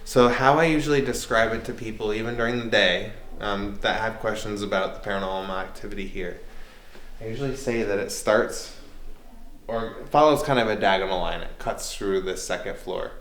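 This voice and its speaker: Male tour guide, informal and deliberate, explaining things in a large reverberant interior. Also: on the low side, a bit bright. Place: large indoor castle rooms. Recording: echoey room with faint noise.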